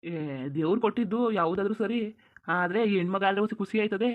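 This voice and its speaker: A woman voicing a young village husband in a cartoon, teasing in rapid banter. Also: mid-range voice, phone-quality sound, lightly acted. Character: young village husband, joking then fretful. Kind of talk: cartoon voice acting.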